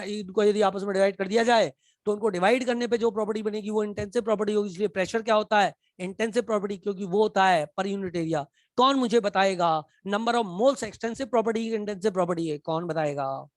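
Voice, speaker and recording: A man teaching a live class, shouting and teasing as he quizzes his students in a colloquial way. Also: high voice, no room sound, studio quality.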